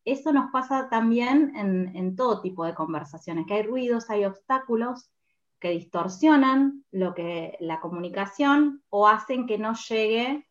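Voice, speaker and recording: A woman's voice: on the high side, expressive, measured pace. A woman with an Argentine accent, a podcast guest, explaining ideas in a casual way and thinking aloud with fillers. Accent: Argentine Spanish. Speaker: podcast guest, communication speaker. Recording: slightly dull lo-fi audio.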